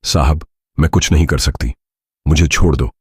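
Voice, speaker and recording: A man voicing a young undercover woman officer who pleads, then speaks firm and commanding, in a low husky voice. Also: fairly even intonation, moderate pace, no echo, clean studio sound, heavily acted. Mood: pleading.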